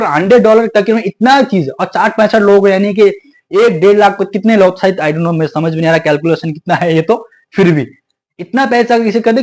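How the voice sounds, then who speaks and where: A man's voice: high voice, a little mellow. A young man speaking straight to his viewers, indignant and repetitive, slipping English phrases into his talk. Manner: indignant, repeats himself, code-switches into English. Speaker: video creator warning viewers. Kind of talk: casual direct-to-camera monologue.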